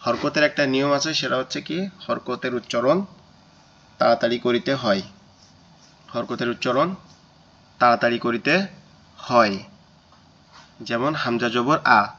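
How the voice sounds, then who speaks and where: A man leads a Quran reading lesson in a slow, unhurried delivery, carefully drilling each syllable and repeating every word three times. His voice is bright and forceful, and the recording is a little dull and lo-fi. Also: medium pitch. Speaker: Quran teacher.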